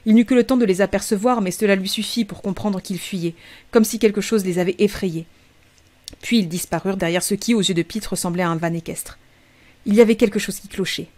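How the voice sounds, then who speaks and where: A woman streamer reading a short story aloud in a measured, steady narration. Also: mid-range voice. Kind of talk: audiobook reading.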